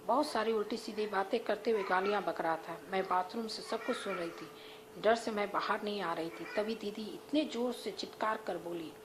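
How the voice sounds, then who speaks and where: A woman's voice: mid-range voice, slight background noise, poor audio. A woman reading an emotional story aloud, telling it herself and voicing all of its characters. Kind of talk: emotional story narration with acted dialogue.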